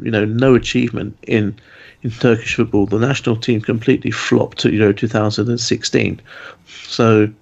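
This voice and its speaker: A male podcast co-host making a measured argument in a casual discussion. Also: fairly low pitch, creaky. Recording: dull lo-fi sound.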